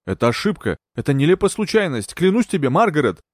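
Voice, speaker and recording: An indignant young gentleman, acted by a male narrator, protesting his innocence with a lively, rising voice. It is recorded close and dry. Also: medium pitch, fairly quick, dry recording, natural voice. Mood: indignant, pleading. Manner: pleading, indignant. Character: indignant young English gentleman accused of murder.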